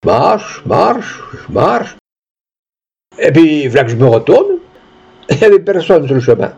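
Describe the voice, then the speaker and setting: A man voicing a clumsy peasant man who tells a rambling story in halting rustic dialect. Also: a little high, huge pitch swings, gravelly, a little mellow, breathy edge, highs cut off, voice pushed up, heavily acted.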